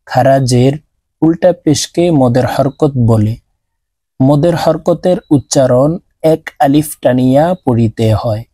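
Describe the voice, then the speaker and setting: A man teaching Quran reading step by step, drawing out each letter sound in slow drills. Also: medium pitch, warm tone, no room sound. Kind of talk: step-by-step recitation lesson.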